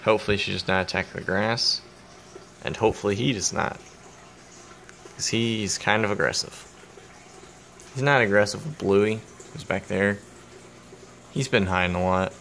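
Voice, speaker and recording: A man's voice: lowish voice, moderate pace, vocal fry, long pauses, fairly bright tone. A young man casually vlogging about his pet reptiles at home, rambling and joking and talking to the animals, filmed on his phone. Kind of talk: casual vlog. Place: home, indoors. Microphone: phone camera. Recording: phone recording with faint background noise.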